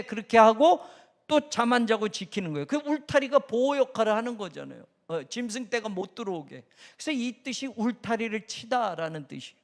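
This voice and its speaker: A man preaching a sermon as pastor, animated and at times loud and emphatic. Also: in a large hall. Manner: talks about his own high excited tone.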